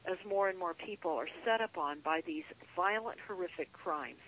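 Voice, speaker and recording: A woman guest on a call-in show, speaking in an earnest, deliberate, emphatic way, like a paranoid late-night rant with drawn-out phrases. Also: on the low side, a bit bright, slight background noise, low-quality recording. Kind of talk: earnest conspiracy monologue.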